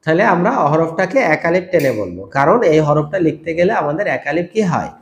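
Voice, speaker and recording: Man, patient teacher, slow drawn-out repetition, higher voice, echoey room. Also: big pitch swings, gravelly, dull audio, slight background noise. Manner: patient, repeats sounds slowly and drawn out. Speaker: Quran teacher. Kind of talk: step-by-step recitation lesson.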